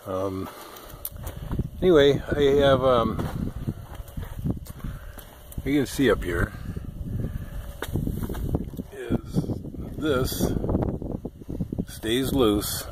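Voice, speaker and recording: A man with a fairly low pitch narrates his DIY project outdoors at a rural homestead, camera in hand, in a relaxed how-to style full of ums. He's an off-grid vlogger explaining as he films, and the background is noisy.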